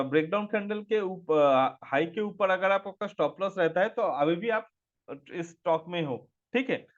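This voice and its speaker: Male trainer, high voice, patient step-by-step teacher reading numbers aloud, lo-fi stream sound. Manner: explains step by step, reading chart figures aloud; asks the audience to answer. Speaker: stock market trainer. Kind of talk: live online trading class.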